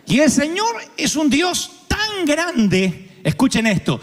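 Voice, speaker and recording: Animated Argentine preacher in a big hall. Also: male voice, high voice. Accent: Argentine Spanish. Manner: humorous storytelling, acts out voices. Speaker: pastor. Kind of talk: sermon. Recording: long reverb of a large hall.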